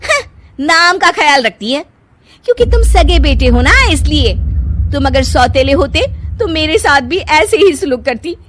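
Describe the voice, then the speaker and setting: A very high, shrill young sister-in-law acted by a woman storyteller, spiteful and haughty. She makes demands in a swooping, animated voice in a family drama tale. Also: normal speed. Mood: nagging, insistent. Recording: noisy background hiss.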